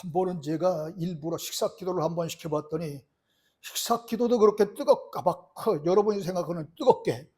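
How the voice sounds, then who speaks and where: Middle-aged male pastor, earnest sermon delivery, high husky voice. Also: a little fast, a little mellow. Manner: earnest preaching with rhetorical questions to the congregation.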